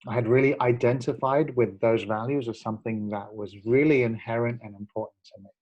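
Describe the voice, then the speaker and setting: This is a forties-aged man on a video call, a guest in a relaxed conversation who tells his story earnestly and reflectively, stumbling into many fillers and restarts. He has a mid-range voice with fairly even intonation and a slightly fast pace, and the highs are cut off.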